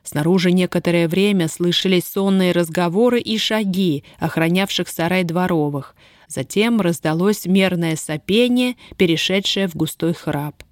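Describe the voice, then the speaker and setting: Женщина-чтец размеренно читает художественный рассказ. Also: female voice, fairly low pitch, normal speed, no room sound, clean studio sound. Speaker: audiobook narrator. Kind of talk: scripted story narration.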